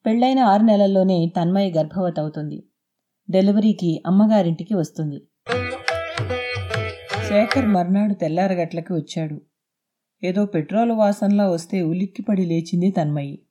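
Woman audiobook narrator, mellow dark tone, fairly low, lo-fi sound. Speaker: narrator of serialized audio novel. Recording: dull lo-fi.

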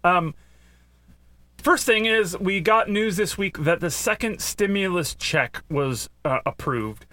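A man co-hosting a casual news podcast with his child, making dry puns and pausing often with "um". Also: high-pitched, pushed and bright, no echo. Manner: punning, dry dad jokes; hesitant, with many ums. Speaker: podcast co-host, father of the other host.

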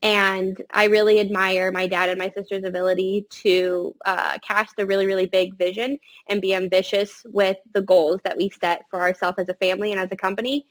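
A young woman answers interview questions casually and earnestly, with an upbeat manner. Her pitch is average for a woman, and she is talking from a quiet space. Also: little pitch movement, fairly quick. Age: young adult. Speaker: podcast guest, family farm-consulting business co-runner. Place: quiet space in a college library.

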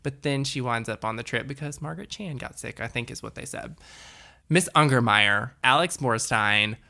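A woman's voice: rumbling low, moderate pace, creaky, pushed and bright. A woman in casual chat, enthusiastically recapping a movie as podcast co-host.

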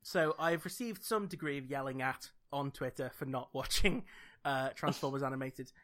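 A man's voice: medium pitch, normal speed, fairly bright tone. Rambling man on a podcast. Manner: rambling, full of "like" and restarts; dry, jokey asides. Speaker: podcast co-host. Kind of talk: casual chat.

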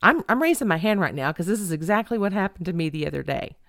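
Emphatic middle-aged female podcast host, animated and lively in delivery, dry recording. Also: lowish voice, fast, no room sound. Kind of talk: self-help podcast monologue.

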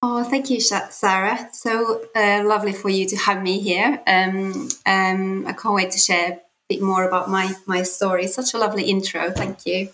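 A woman's voice: medium pitch, flat delivery, moderate pace, hardly any pauses, a bit bright, slight background noise, rough recording. A woman in her forties from Finland with a Finnish accent, a podcast guest telling her story in a hesitant way, with many fillers and restarts. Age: 40s. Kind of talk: casual interview talk.

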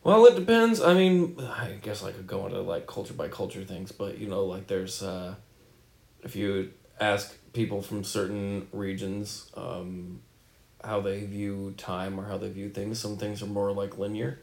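A man's voice: on the low side, measured pace, gravelly, a little mellow. A drowsy man co-hosting a podcast, making dry, teasing remarks in casual chat. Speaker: podcast co-host. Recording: echoey room.

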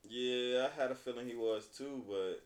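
A man hosts a casual basketball talk show, reading out stats and news in a laid-back, slangy bro style. His voice is medium-pitched at a moderate pace, recorded in an echoey room.

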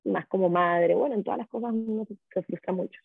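A woman's voice: mid-range voice, a little fast, gravelly, breathy edge, no room sound. A woman co-hosting a casual podcast, a mother telling everyday stories in a chatty, conversational way. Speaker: podcast co-host. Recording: phone-like narrow sound.

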